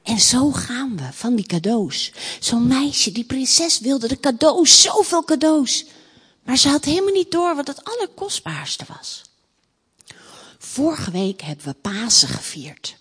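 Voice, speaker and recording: A woman reading a rhyming children's story aloud in an expressive, sing-song way, then speaking to a church gathering. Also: high voice, a little slow, breathy edge. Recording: long hall reverb.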